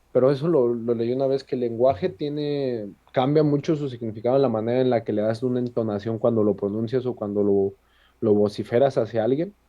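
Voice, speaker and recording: A Mexican man hosting a podcast, explaining in a relaxed, casual way. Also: mid-range voice, highs cut off. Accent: Mexican Spanish. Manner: relaxed, explanatory, uses fillers. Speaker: podcast host.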